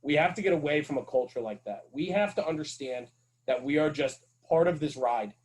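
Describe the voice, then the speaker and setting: Fairly high in pitch and somewhat dark in tone, this middle-aged man talks fairly quickly. As a guest on a podcast, the firefighter and fire-service radio host describes his work in a casual yet earnest, emphatic way, repeating the points that matter most to him.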